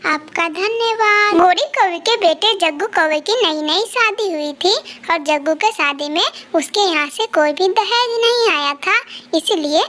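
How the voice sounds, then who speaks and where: A woman narrating a cartoon story in a lively way, and speaking directly to her viewers. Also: very high-pitched, a little slow.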